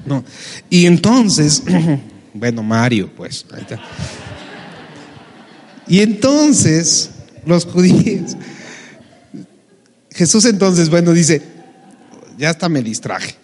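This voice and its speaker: Pastor preaching in a reverberant hall. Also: male voice, fairly high pitch, sing-song, slow, long pauses, darkish tone. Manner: conversational preaching with asides and jokes. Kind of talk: sermon.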